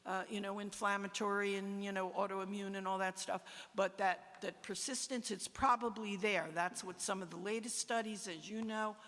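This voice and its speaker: A woman patient advocate speaking emphatically and haltingly in a frustrated exchange at a meeting. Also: medium pitch, fairly even intonation, fairly bright tone, long reverb tail. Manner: emphatic, halting, repeats herself.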